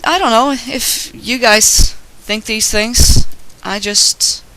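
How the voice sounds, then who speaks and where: Speaking slowly in an extremely high, pushed and bright voice that is clear and resonant, a Swedish-accented digital artist narrates his drawing. His casual commentary, recorded as he draws, rambles and turns self-deprecating, with the odd swear word. The recording quality is low.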